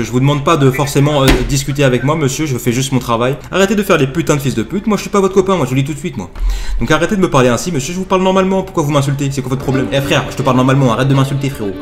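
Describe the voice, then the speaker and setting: A man playing a pushy phone-plan salesman who is quick to anger, using formal sales patter that turns into shouted insults. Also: mid-range voice, voice pushed up, natural voice. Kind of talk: prank role-play on video chat.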